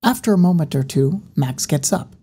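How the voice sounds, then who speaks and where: Woman narrator for a horror audiobook: low, husky, even and unhurried.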